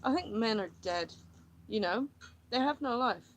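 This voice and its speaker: Woman narrator playing a frazzled housewife in a storybook reading; high, pleading, rambling, louder than the narration. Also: lively intonation, a little slow, a little hiss or hum, poor audio. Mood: eager. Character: anxious troubled housewife, rambling and wounded.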